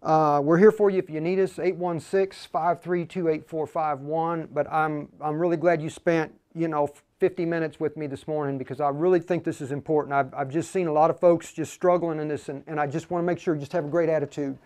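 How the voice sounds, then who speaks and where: Chatty man, smooth voice, lapel mic. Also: on the high side, fairly even intonation, a little fast, hardly any pauses, darkish tone. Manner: casual, chatty, uses ham radio call-sign talk. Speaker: host and instructor. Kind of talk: live product demo.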